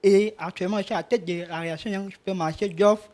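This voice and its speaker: A man in a voice workshop, reciting his self-introduction with a loud, hurried delivery. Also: high-pitched, fairly even intonation. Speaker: workshop student.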